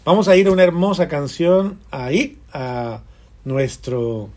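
A man preaching a fervent sermon, swinging between raised praise and hushed prayer. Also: fairly high pitch, unhurried. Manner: fervent, sways from loud to hushed. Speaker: radio preacher.

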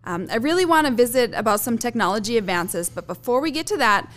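A woman's voice: fairly high pitch, animated, fast, fairly bright tone. A woman hosting a podcast interview, friendly, upbeat and chatty. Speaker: podcast host.

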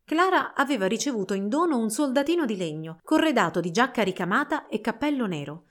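A woman narrating a fairy tale for children in a slow, measured storytelling voice. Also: on the high side, very animated.

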